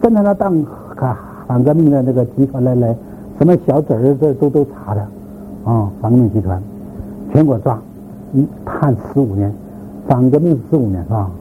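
A man's voice: medium pitch, expressive, normal speed. A man giving an informal lecture to a class, rambling with repeated words and filler sounds and putting questions to the listeners. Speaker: lecturer on church history. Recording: tinny phone-like sound, faint background noise.

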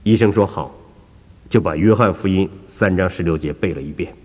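A man's voice: sits low, fast talker, long reverb tail. A male preacher telling a story in a sermon, acting out its characters. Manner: animated, acts out characters.

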